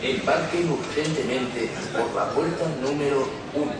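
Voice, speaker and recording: A man's voice: mid-range voice, a little slow, over a noisy crowd. A man making a formal airport boarding announcement over a public-address system, reading scripted phrases in separate segments. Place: large public airport hall. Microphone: public-address speakers picked up from afar. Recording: echoey, distant PA in a busy, noisy terminal.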